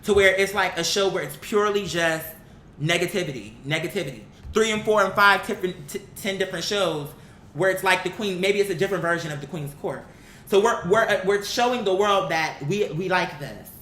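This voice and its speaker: An online commentary host delivers a blunt, opinionated, casual rant to viewers in a brisk, fairly bright voice, swearing freely and repeating words for emphasis. The recording has a roomy echo and a faint rumbling noise.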